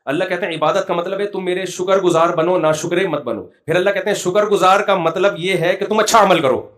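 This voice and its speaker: A middle-aged man delivering a relaxed, joking sermon in a somewhat high voice. He tells stories and slips into slow Arabic recitation now and then, speaking in a chatty, storytelling way. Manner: storytelling, humorous, quotes Quranic verses in Arabic. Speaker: Islamic scholar giving a religious talk. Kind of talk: conversational sermon with jokes and anecdotes.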